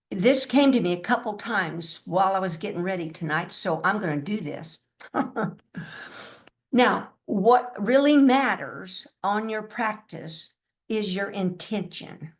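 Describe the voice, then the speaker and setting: A woman, older, giving a spiritual talk in a musing way, chanting mantras now and then. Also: mid-range voice. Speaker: spiritual teacher.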